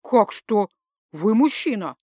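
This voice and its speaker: A woman gives voice to an earnest man from a magical world who politely makes his offer. He explains things calmly and patiently, and the recording is close and dry. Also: medium pitch, slow, dry recording.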